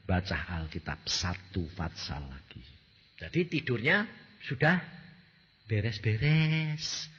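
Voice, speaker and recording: A man with a Javanese accent preaching a sermon as a pastor, animated and firing questions at the congregation. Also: mid-range voice, husky, long reverb tail, lo-fi sound.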